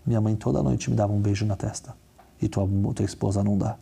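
A small orphan girl confides what is troubling her, earnest and simple in her words, as a storyteller takes on her part. The voice stays close to the teller's own, quick and mellow. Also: lowish voice, fairly even intonation, vocal fry, slightly rough, pitched below the performer's own voice, exaggerated voice. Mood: sad. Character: sad five-year-old orphan girl.

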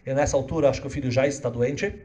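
A man telling a religious story dramatically, moving between hushed and loud. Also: mid-range voice, rapid-fire.

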